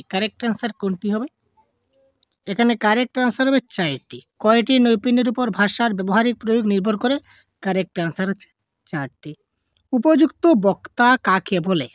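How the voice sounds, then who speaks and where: A woman's voice: medium pitch, no room sound, clean studio sound. Woman teacher reading quiz options. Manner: asks questions and answers them herself, mixes in English terms; drawls options slowly, then gives answers quickly. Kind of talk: online exam-prep lesson, reading quiz questions.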